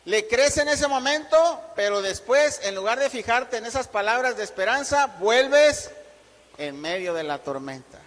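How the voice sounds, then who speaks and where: A man preaching a sermon as pastor, emphatic and slowing down to dictate his main points. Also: very high voice, lively intonation, a bit bright. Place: church sanctuary. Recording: long church hall reverb.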